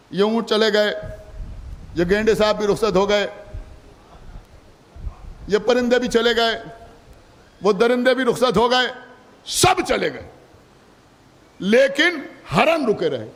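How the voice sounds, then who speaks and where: A man with a Lucknow Urdu accent delivering a Muharram sermon as a cleric, swinging between soft asides and loud declaiming. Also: high-pitched, animated, slow, long pauses. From India. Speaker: Shia cleric. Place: large imambargah hall. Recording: long hall reverb from live majlis.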